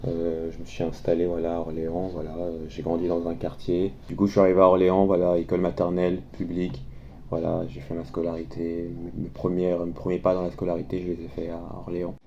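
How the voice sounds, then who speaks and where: A man's voice: low voice, monotone, fast, warm tone, highs cut off, a little hiss or hum. A nineteen-year-old man from France answering interview questions hesitantly and shyly, with many fillers. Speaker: guest, YouTuber.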